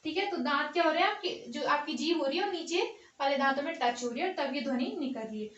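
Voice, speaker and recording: A woman's voice: sits high, fast, fairly bright tone, far from the mic, highs cut off. A woman teacher giving a grammar lesson, explaining step by step and answering her own questions. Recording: echoey room, voice off-mic.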